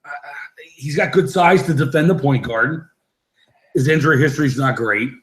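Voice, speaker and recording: A man's voice: fairly high pitch, normal speed, a bit bright. A man in a casual basketball debate, questioning and arguing points like a fan on a panel. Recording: roomy echoing room sound.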